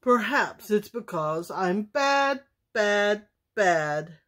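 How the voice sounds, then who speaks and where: A woman's voice: medium pitch, animated, very slow, fairly bright tone. A woman voicing a lonely big bad male wolf who tries to be good, speaking sweetly and politely in a storybook. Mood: sweetly earnest.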